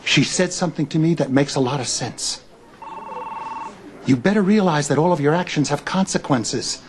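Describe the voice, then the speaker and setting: A man's voice: a little high, normal speed, background noise, lightly acted. An actor playing a stern middle-aged father who lectures his grown daughter in a soap opera. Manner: stern, scolding.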